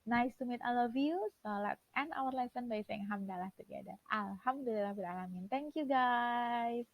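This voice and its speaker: A woman teaches an English class, chatting along and sprinkling in English phrases. Her voice sits a little high with a gravelly edge. The recording is dry and somewhat dull, lo-fi. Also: moderate pace. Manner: chatty, mixes English into Indonesian, laughs at own slips. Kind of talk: recorded online class lecture.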